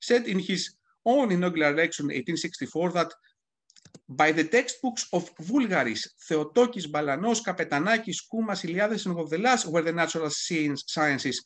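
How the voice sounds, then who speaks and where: A man delivers a prepared academic talk in a scholarly, measured way, pausing to correct small slips. His voice sits high and moves animatedly up and down across his phrases. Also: animated, fairly bright tone. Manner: scholarly, careful, occasional self-corrections. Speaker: academic panel speaker. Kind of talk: reading a prepared historical lecture.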